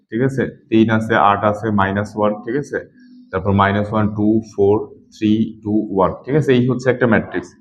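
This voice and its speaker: A man teaching mathematics in a lecture style, repeating points and quizzing his students with questions as he explains. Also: mid-range voice. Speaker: math teacher. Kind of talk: classroom lecture. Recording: dull lo-fi recording with faint noise.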